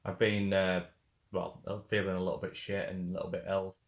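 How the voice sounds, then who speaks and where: A man's voice: deep voice, little pitch movement, brisk, vocal fry, reverberant. A man hosting a music reaction video, talking casually with lots of fillers and frequent swearing. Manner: laid-back, swears freely, many fillers.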